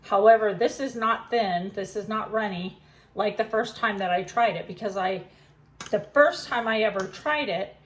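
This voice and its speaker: A woman's voice: mid-range voice, normal speed, slight background noise. A woman chatting and giggling through a casual home kitchen cooking demo, a bit self-deprecating.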